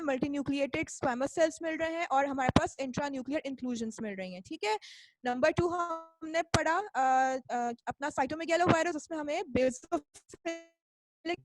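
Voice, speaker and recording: A woman's voice: high-pitched, low-quality recording. A woman giving a medical lecture, explaining step by step, checking in with her listeners after almost every phrase and mixing English terms into her talk. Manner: mixes English medical terms into Hindi speech; playful asides. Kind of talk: recorded lecture.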